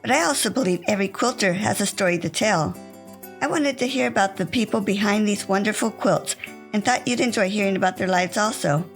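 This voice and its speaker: A woman's voice: medium pitch, brisk, faint music behind. A woman hosting a podcast, reading a scripted introduction and then asking interview questions with enthusiasm. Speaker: podcast host.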